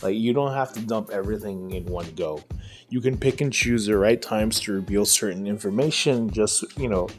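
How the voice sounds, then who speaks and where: A man's voice: fairly low pitch, moderate pace, soft background music. A man hosting a casual solo podcast about writing, talking in a loose, rambling way with lots of fillers and restarts while he has the hiccups. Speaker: podcast host.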